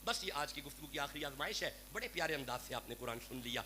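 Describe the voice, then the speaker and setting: Fairly high in pitch, animated and sharp-toned, a Pakistani Sufi preacher with a Punjabi accent pleads fervently with a gathering during a devotional sermon, speaking directly to them. The live recording carries noise and hum.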